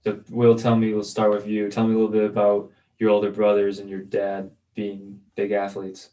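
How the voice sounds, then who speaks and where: A man's voice: on the low side, monotone, moderate pace, dark tone. A man hosting a casual interview, asking direct questions in a friendly way.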